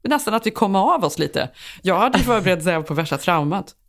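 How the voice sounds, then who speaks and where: Lively storytelling woman, lowish voice. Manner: animated storytelling, acting out voices of her family. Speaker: podcast co-host. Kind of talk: casual chat.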